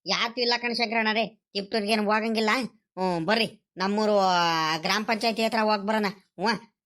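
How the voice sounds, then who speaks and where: A woman's voice: medium pitch, fairly even intonation, normal speed, natural voice. A woman playing a loyal young village sidekick. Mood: coaxing. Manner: calls out loudly and grumbles to himself. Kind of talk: rural comedy sketch acting.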